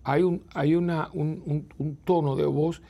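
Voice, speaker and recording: A priest hosting a program, chatting to his viewers in an unhurried, reflective way, repeating words and adding little tag questions. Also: on the high side, steady tone, creaky, mellow. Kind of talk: conversational talk to viewers.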